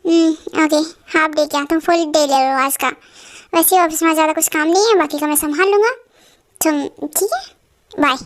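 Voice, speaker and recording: A young woman voicing a caring young male CEO in an amateur Hindi fan dub, speaking calmly and gently, reassuring. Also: high-pitched, moderate pace, lightly acted.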